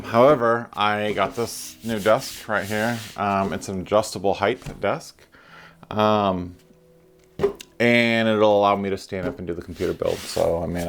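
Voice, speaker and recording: A man with a low, deep voice talks straight to his camera in an unscripted home vlog. He rambles along, filling gaps with ums and circling back to restart his sentences. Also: gravelly. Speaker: vlogger.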